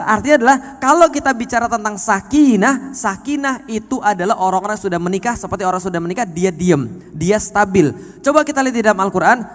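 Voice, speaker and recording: A man giving an animated sermon to an audience, often asking them questions and swinging from soft to loud. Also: high voice, big-room sound. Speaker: preacher.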